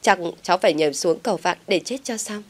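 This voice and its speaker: A woman's voice: fairly low pitch, fast, breathy edge. A woman voicing a scheming young female teacher who feigns being the victim with tearful pleading. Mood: pleading, sobbing.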